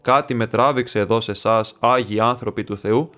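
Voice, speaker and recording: A man voicing an elderly bishop who speaks in a solemn, measured, instructive way over faint background music. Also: medium pitch, steady tone, a bit bright, lightly acted. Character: elderly male bishop, earnest patient teacher.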